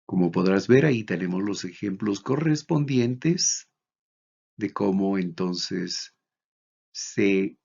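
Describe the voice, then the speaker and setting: A man from Bolivia giving a recorded lecture, reading out examples slowly and deliberately. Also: deep voice, lively intonation, gravelly, a little mellow, slightly rough. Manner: slow, deliberate, reads out examples. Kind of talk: recorded lecture on Greek accents. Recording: dull lo-fi recording.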